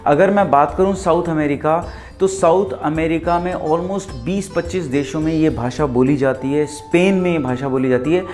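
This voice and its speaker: A man's voice: on the high side, darkish tone. Male language teacher, casual classroom delivery, stretches out each vocab word and spells it aloud, faint music underneath. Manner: slow, drawn-out repetition of foreign words; spells words out letter by letter. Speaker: Spanish teacher. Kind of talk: beginner language lesson at a whiteboard.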